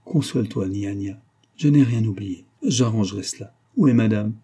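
A protective, commanding father speaks firmly, with a menacing edge, read by a man. His voice is low, dark and husky. It is a storybook reading. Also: moderate pace. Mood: stern. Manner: firm, menacing.

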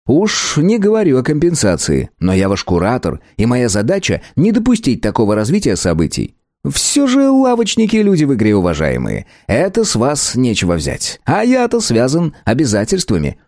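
A man voicing a careful male curator who speaks with measured reluctance, in a storybook reading. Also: mid-range voice, wildly swooping pitch, a little mellow, dry recording, studio quality, voice pushed up. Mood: reluctant. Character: cautious male game curator, hinting slyly.

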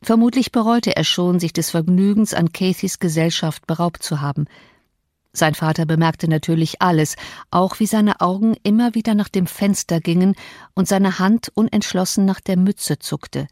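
Lower-pitched woman audiobook narrator, measured and even, dry close-mic sound. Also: no room sound. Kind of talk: scripted narration.

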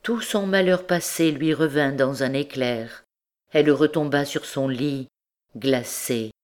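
A woman reading a classic novel aloud as an audiobook narrator, in a measured, unhurried style. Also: rumbling low. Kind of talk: scripted narration.

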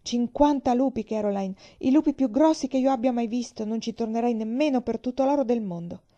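A woman's voice: medium pitch, quick pace, warm tone, natural voice. A woman voicing a worried pioneer father who speaks urgently and out of breath, on a slightly dull recording.

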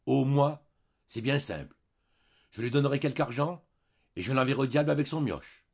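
A man playing an irritable young husband who shouts in exasperation, on a dull lo-fi recording. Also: lowish voice, very animated, fast, slightly rough, exaggerated voice. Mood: furious.

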